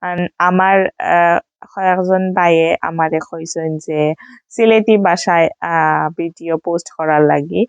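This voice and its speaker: A woman's voice: on the low side, steady tone, a little slow, vocal fry, clean tone, dry recording. A woman from Sylhet, Bangladesh, with a Sylheti Bengali accent, chatting casually in a vlog voice-over and sprinkling in English fillers. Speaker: vlogger.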